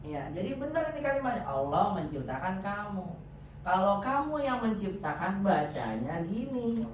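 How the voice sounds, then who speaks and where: A man's voice: high voice, moderate pace, a little hiss or hum. Man teaching Arabic in an echoey room. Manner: lively, quizzing students with frequent questions. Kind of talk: classroom lesson. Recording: echoey room, distant dull mic.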